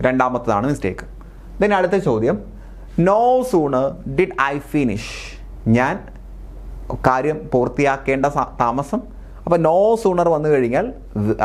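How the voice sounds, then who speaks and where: A man with a Malayali accent teaching an exam-prep English grammar class. He explains patiently, checks that students follow along, and reads the example sentences slowly, word by word. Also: medium pitch. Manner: explains patiently, often asks "clear?" and repeats answers. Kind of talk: online class lecture.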